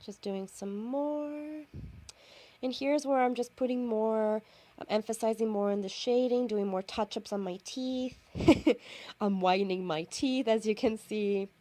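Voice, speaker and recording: Recording with a camera and a phone, a woman who does makeup talks through her face-paint tutorial in a relaxed, unhurried way. Her slightly high voice has a warm tone, and she keeps correcting herself and using fillers.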